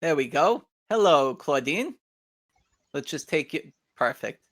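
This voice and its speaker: A man's voice: on the high side, very animated, unhurried, fairly bright tone. Upbeat man hosting an online showcase. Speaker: host of an inventors club meeting. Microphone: video call.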